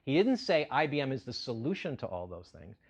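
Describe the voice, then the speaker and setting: A man's voice: mid-range voice, very animated, a little fast, husky, highs cut off. A middle-aged man giving a corporate keynote with polished enthusiasm, repeating phrases for emphasis. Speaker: CEO keynote speaker.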